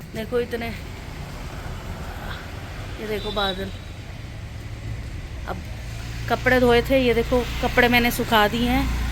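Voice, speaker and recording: A woman's voice: a little high, fairly bright tone, slight background noise, rough recording. A middle-aged woman from India, chatting casually to her phone camera at home as she narrates her day and talks to her dog. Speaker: vlogger. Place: home, indoors.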